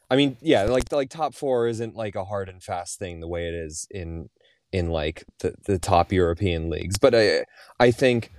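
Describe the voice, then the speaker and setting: A man's voice: low voice, a little mellow. A man co-hosting a casual soccer podcast, rambling with lots of restarts and filler words. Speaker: podcast co-host.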